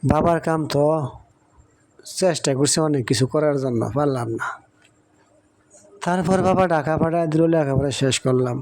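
Guy voicing a soft-spoken polite young son, cartoon. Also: fairly high pitch, normal speed, long pauses, close to an everyday voice. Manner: gentle, respectful. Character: polite young man, recently graduated son.

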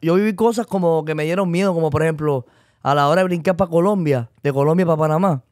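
A Cuban man talks quickly in a slightly high voice, rambling and restarting as he goes. He is a podcast guest in a casual chat. The sound is dry and close to the mic, with no room echo. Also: a little mellow. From Cuba. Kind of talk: casual conversation.

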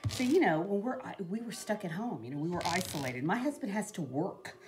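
A woman's voice: lowish voice, lively intonation, a little fast, noisy background. A middle-aged woman, chatting in a rambling way while she shows a craft project at home, with lots of "you know". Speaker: craft vlogger. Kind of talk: casual crafting demo talk. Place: indoors at a craft table in a home.

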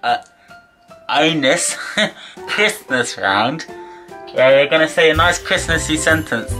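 Animated young man with a highish voice. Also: takes it slowly, soft background music. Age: 20s. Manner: teasing, excitable. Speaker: vlogger playing a party game. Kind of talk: casual game chat. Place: small living room indoors. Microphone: camera mic a short distance away.

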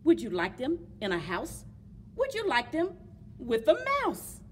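A woman's voice: on the high side, very animated, measured pace, noisy background. A woman voicing a pushy, eager storybook creature who coaxes with insistent, rhyming questions. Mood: coaxing. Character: pushy, eager creature Sam offering food. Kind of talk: rhyming picture-book read-aloud. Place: public library children's book corner.

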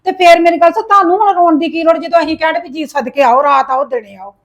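A woman's voice: very high voice, steady tone, quick pace. A woman playing a visiting sister-in-law in a home-made family drama, coaxing and defensive as she argues over land. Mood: pleading. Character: pushy but placating aunt from the village.

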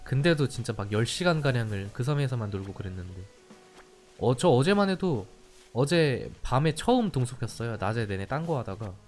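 A man chatting casually as a streamer, animated and laughing between thoughts. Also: medium pitch, a little fast, few pauses, faint music behind. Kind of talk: casual chat.

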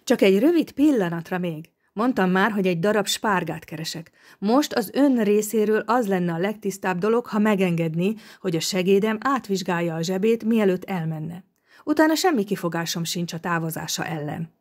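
A woman voicing a calm, patient middle-aged male police inspector in an audiobook. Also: medium pitch, close to an everyday voice.

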